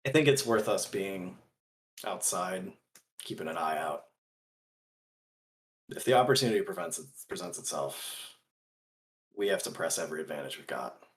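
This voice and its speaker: A man playing a principled, earnest gunslinger in a tabletop role-play, speaking deliberately in halting phrases. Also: sits low, lively intonation. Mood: steady, resolute.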